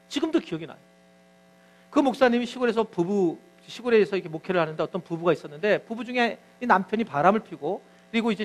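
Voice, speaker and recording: A male pastor giving a sermon, telling stories animatedly and acting out what people said. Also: high voice. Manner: animated storytelling, acts out quotes.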